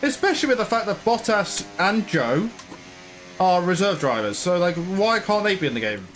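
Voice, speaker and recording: A man's voice: high-pitched, sing-song, normal speed, a bit bright, faint music behind. A man casually commentating his own racing game play, chatty and rambling, sometimes slipping into mock broadcast commentary. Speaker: gaming YouTuber.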